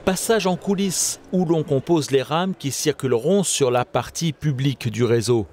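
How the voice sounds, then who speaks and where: A man giving steady, scripted documentary narration. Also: mid-range voice, moderate pace, slight background noise. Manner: steady, informative.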